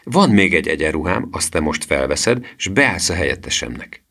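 A man's voice: low voice, sing-song, fairly bright tone, exaggerated voice. A man voicing a cheeky, boastful boy who teases his friends and brags about his undercover adventure in an audiobook. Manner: boastful, teasing, storytelling.

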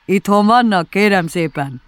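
A woman doing a gentle, slow-witted storybook bear, polite and always hungry. He ponders his way through every sentence in a slow, puzzled drawl, with a dry, close sound. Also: on the low side, lively intonation, dry recording. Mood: musing. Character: polite, slow-thinking, food-loving bear, male.

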